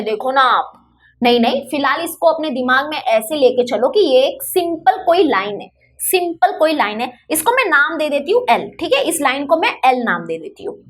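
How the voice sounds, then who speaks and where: A young woman teaching an online maths lesson in a chatty, coaxing way, repeating key points. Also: high-pitched.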